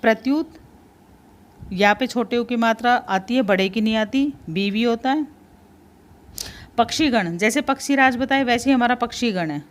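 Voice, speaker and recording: Patient woman teaching spelling. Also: fairly high pitch. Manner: patient, spells words out slowly, repeats key points. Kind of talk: spelling lesson for exam prep.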